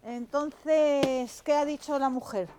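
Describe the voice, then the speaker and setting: Tendera española de voz algo aguda. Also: female voice, high-pitched, fairly even intonation, slow pace, background noise. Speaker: shopkeeper. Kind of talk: casual chat.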